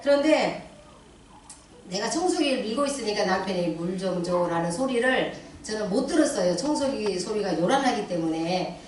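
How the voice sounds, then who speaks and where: A woman's voice: medium pitch, lively intonation, normal speed, a little mellow, slight background noise. A middle-aged woman giving an emotional testimony in church, recounting events dramatically and acting out her own prayers. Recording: echoey church hall, distant mic.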